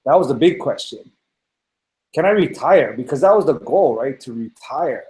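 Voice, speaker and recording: A man in his forties from Hawaii earnestly tells his own story as a panel guest on a webinar, calling in from his home office. His mid-range voice is expressive and darkish, at normal speed, with a roomy sound and plenty of fillers and restarts.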